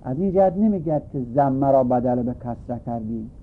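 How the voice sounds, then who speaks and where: A man teaches a grammar text in a steady lecture, going back over each point and rephrasing it. His voice is a little husky and sits at an ordinary pitch. The recording is thin and tinny, much like a phone line. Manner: patient, repeats and rephrases points.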